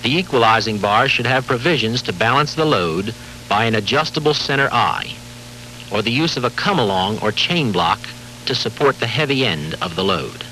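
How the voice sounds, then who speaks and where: A man giving formal, measured scripted narration for a safety training film, heard from a worn VHS tape copy with faint hiss and hum. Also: mid-range voice, expressive, sharp tone, rough recording. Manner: measured, formal, authoritative delivery.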